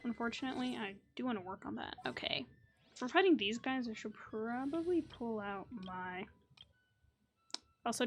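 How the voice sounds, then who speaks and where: A woman with a mid-range, fairly bright voice hosts a gaming video, thinking aloud in casual, chatty commentary. Light video game music plays behind her.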